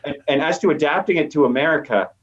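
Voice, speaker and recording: This media professor, speaking as a guest expert, talks fast in a fairly high-pitched voice, explaining conversationally and thinking aloud as he goes. The audio line is slightly dull and lo-fi.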